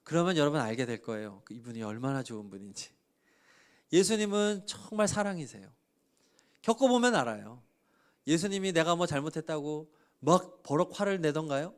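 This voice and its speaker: Male pastor, thirties, youth sermon, conversational with quoted asides, clear, resonant tone. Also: fairly high pitch, lively intonation, fairly quick. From Korea. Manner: conversational, acts out little quoted lines.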